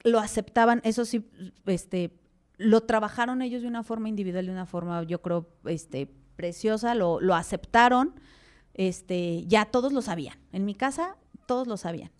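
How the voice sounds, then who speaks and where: A woman's voice: mid-range voice, normal speed, smooth. A Mexican woman, a mother and podcast guest, telling her story animatedly, acting out dialogue with many fillers. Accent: Mexican Spanish. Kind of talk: interview conversation.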